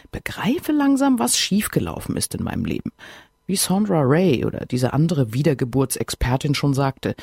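A woman reads a comic diary aloud with a wry, self-mocking bite, her pitch bouncing all over. Her voice is gravelly and a bit husky, recorded close and dry. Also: warm tone, dry recording. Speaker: audiobook narrator. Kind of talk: first-person diary narration.

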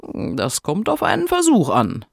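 A man's voice: high-pitched, wildly swooping pitch, creaky, breathy edge, no room sound, clean studio sound, pitched above the performer's own voice, full character voice. A man voicing a stubborn, cunning male hedgehog who talks in a pushy, emphatic way. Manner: pushy, emphatic, sometimes hurried.

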